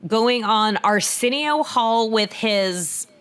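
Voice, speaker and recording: A woman in her thirties co-hosting a podcast, explaining things in a chatty, casual way, laughing often and getting animated when she quotes people. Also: a little high, takes it slowly, clean tone. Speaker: podcast co-host.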